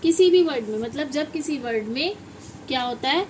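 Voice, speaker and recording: A woman's voice: high-pitched, expressive, normal speed, a little mellow, slight background noise, poor audio. A woman with a Hindi accent teaching English pronunciation in a classroom style, often asking questions and answering them herself.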